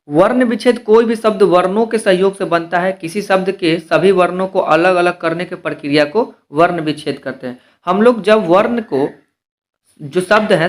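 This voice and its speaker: A man teaching a step-by-step grammar lesson for exam preparation. He slows down to spell out letters one by one and keeps asking rhetorical questions before he answers them. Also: high voice.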